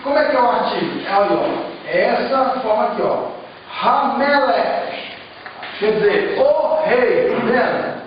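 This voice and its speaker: A man's voice: very high-pitched, animated, normal speed, a little hiss or hum. A man with a Brazilian Portuguese accent teaching a Hebrew class and explaining step by step, often checking that the students follow. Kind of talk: classroom lecture. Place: church classroom. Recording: muffled, echoey room, distant mic.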